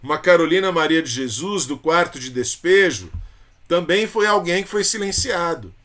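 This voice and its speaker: A high-voiced man with a Brazilian Portuguese accent teaches a literature lesson for exam prep. He talks in a chatty, familiar way, checks in with his students constantly and calls them by fond names. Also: lively intonation, moderate pace, a bit bright. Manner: chatty, calls students "coração", frequent tag questions.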